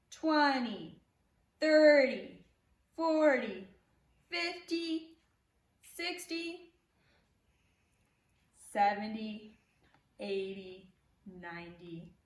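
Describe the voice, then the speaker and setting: A woman's voice: mid-range voice, a little hiss or hum. A woman teaching young children in an encouraging kindergarten teacher voice, leading them through the lesson in a sing-song way. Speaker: early-grades teacher leading counting practice. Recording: echoey room, distant microphone.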